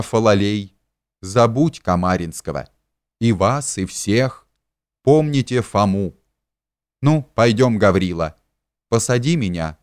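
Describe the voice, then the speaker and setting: A man's voice: lowish voice, darkish tone, no room sound, clean studio sound. A man voicing a pompous, hypocritical middle-aged man who preaches and shrieks in indignation. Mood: sermonizing.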